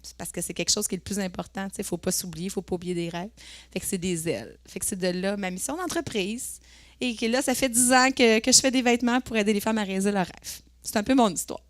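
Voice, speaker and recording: A woman's voice: mid-range voice, quick pace, dry recording. A woman with a Quebec French accent, earnestly telling a personal story on a conference stage and sometimes searching for words. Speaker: entrepreneur giving a talk.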